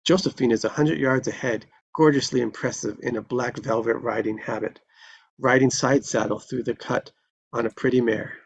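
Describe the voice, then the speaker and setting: A creaky, medium-pitched male voice reads stage directions as narrator at a live table read, steady in tone and moderate in pace. The scripted screenplay narration is descriptive, in a storytelling style. The recording is dull and lo-fi with faint noise.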